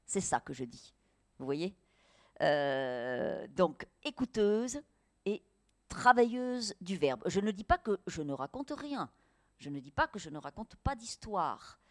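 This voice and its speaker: A woman's voice: on the low side, slow. Fields: Sex: woman. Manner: hesitant, filler-heavy. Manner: hesitant, many fillers, lively emphasis. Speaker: writer and guest. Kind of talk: radio interview conversation.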